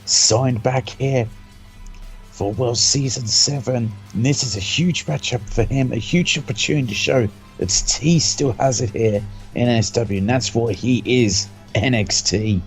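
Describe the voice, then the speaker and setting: A man gives live play-by-play as a wrestling co-commentator. His mid-pitched voice has a creaky, gravelly edge, and music plays underneath. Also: a little slow, rough recording.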